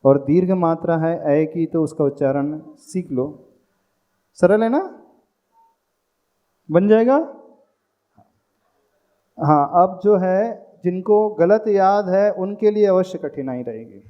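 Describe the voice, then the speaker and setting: A man's voice: high-pitched, expressive, takes it slowly, long pauses, muffled recording. A man, a monk, teaching how to recite a Sanskrit hymn, patiently breaking words into syllables and chanting the lines. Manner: patient, drills pronunciation syllable by syllable. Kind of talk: slow recitation lesson with chanted verses.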